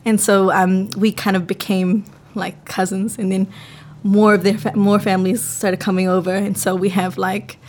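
A woman's voice: medium pitch, little pitch movement, moderate pace, few pauses, darkish tone, slight background noise. A woman from the Philippines, chatting openly as a podcast guest and thinking aloud as she speaks. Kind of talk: casual interview chat.

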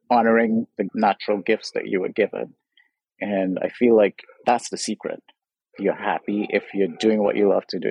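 A husky, slightly low-voiced man in his fifties talks through an interview in a thoughtful, earnest way. His voice is recorded close and dry, with no room around it. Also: darkish tone, no echo, low-quality recording. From Trinidad. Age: 50s. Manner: thoughtful, earnest, leans on "sort of" and "you know". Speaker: guest artist. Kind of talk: reflective interview talk.

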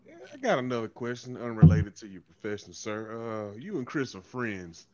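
A man's voice: fairly low pitch, very animated, normal speed, mellow, muffled recording. Man teasing co-host, voice swoops up and down. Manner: playful, teasing questions. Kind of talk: casual podcast chat.

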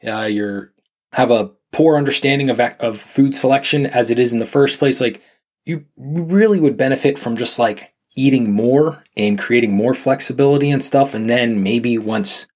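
Husky-voiced man, rambling coach talk. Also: mid-range voice, normal speed. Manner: rambling, many fillers and restarts. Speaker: nutrition coach, podcast guest. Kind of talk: casual podcast conversation.

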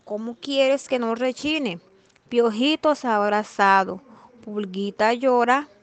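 A woman with a slightly high voice reads a children's fairy tale aloud. She is expressive and lands the repeated lines with a steady, rhythmic cadence, as a storyteller for young listeners. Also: slow pace.

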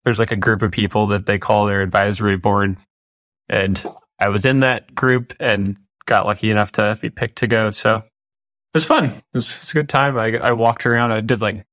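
A man co-hosting a podcast, chatting casually in an upbeat, informal, halting way. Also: on the low side, steady tone, a bit bright, no echo. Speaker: podcast host. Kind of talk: casual chat.

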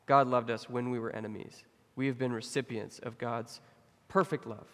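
A young man giving a sermon as a pastor, talking casually with many fillers and getting animated when he tells stories. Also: mid-range voice, moderate pace. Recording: long hall reverb.

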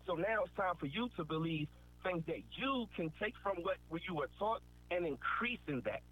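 A man's voice: sits high, animated, moderate pace. A man giving an earnest, preachy motivational talk, repeating points for emphasis. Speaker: motivational speaker. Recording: tinny phone-like line with faint noise.

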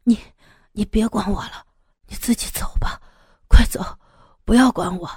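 A woman's voice: medium pitch, moderate pace, dark tone, slightly rough, dry recording, clean studio sound. A woman voicing a badly injured young man who pleads in a weak, faltering, tearful half-whisper. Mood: weak pleading. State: crying.

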